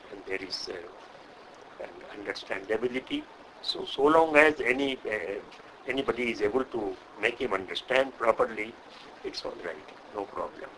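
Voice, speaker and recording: An older man from India with an Indian English accent, a Sanskrit scholar answering an interview question in a measured, hesitant way. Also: on the low side, fairly bright tone, slight background noise, low-quality recording. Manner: measured, hesitant with frequent uh, lecturing.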